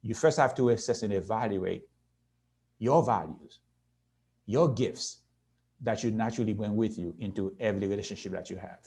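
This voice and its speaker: A man's voice: lowish voice, moderate pace, pauses often, dark tone. Earnest man in his sixties presenting. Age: 60s. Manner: earnest, repeats "right?" to the audience. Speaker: conference speaker. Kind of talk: motivational presentation.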